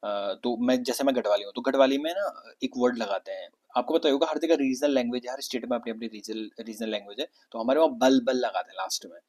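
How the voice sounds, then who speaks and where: A man's voice: mid-range voice, quick pace, few pauses, a little mellow. Explaining male vocabulary teacher from Uttarakhand. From Uttarakhand, India. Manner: explanatory, repeats words and asks rhetorical questions. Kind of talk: exam vocabulary lesson.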